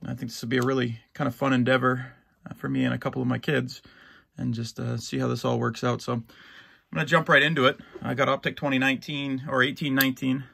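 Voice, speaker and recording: A middle-aged man opening a box of sports cards for his channel, easygoing and rambling with lots of fillers and restarts, a little hoarse and clearing his throat now and then. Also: mid-range voice, flat delivery, quick pace, sharp tone, dry recording. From United States. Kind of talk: casual box-break commentary. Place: at home, in his basement.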